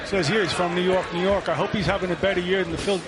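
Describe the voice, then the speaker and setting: A man's voice: high voice, fairly even intonation, quick pace. A man giving conversational boxing commentary on a live broadcast. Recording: very noisy live venue.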